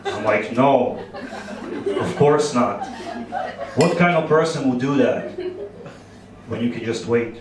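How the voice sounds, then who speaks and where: A Croatian man in his thirties, speaking with a Croatian accent, performs an animated, playful stand-up set on a club stage, telling stories with quick asides into a handheld mic. His medium-pitched voice sounds far from the mic, and the echoey club carries heavy background noise and audience laughter.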